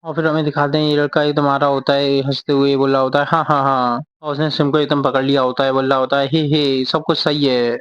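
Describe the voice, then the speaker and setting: A man retelling a manga story, quoting the characters' lines in his own steady voice without acting them out. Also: mid-range voice, fast talker, hardly any pauses, smooth, no echo, dull audio. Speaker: manga explainer.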